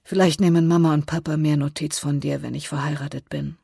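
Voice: medium pitch, level tone, fairly quick, creaky, warm tone, slightly rough, no room sound, clean studio sound. A reader doing a tearful, resigned older sister. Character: young woman, tearful weary older sister. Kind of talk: audiobook character voice.

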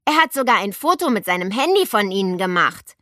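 Woman playing a loud, insistent schoolboy. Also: medium pitch, big pitch swings, fairly quick, no room sound, clean studio sound. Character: impatient schoolboy, a bit dramatic.

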